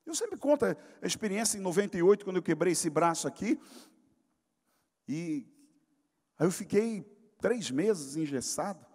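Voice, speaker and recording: A man from Brazil, a pastor preaching a sermon, telling a story and then rising into shouted exhortation. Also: high-pitched, animated, normal speed, pauses often, in a large hall. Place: church sanctuary.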